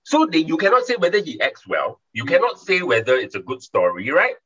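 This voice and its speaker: A man's voice: a little high, wildly swooping pitch, a little fast, pushed and bright, breathy edge, dull audio. A man with a Singaporean English accent, teasing and emphatic on a casual panel chat. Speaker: panel co-host.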